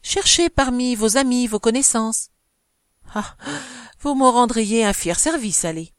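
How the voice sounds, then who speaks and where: A woman's voice: a little high, expressive, no room sound, studio quality. Woman reading as a coaxing old countess. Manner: insistent, coaxing, drawn-out emphasis. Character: chatty elderly aristocratic countess, coaxing. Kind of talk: audiobook character reading.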